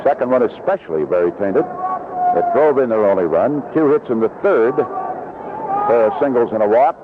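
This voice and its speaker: Heard through a noisy, narrow-band vintage radio feed from an outdoor ballpark's broadcast position, an expressive man with a mid-range voice calls the game live. He keeps a moderate pace, describing the play in short, clipped phrases.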